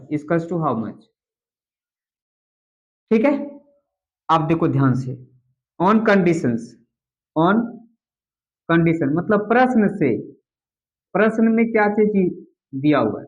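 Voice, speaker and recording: A man's voice: high voice, highs cut off. A man teaching a math lesson, repeating each step, asking questions as he goes and mixing in English terms. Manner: repetitive, checks in with rhetorical questions.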